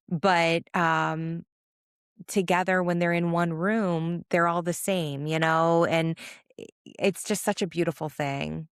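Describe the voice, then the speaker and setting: A woman hosts an interview, asking questions and answering her guest with affirming enthusiasm. Her voice is low and gravelly. The recording is dry and close. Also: dry recording. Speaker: podcast host, interviewer. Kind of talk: interview conversation.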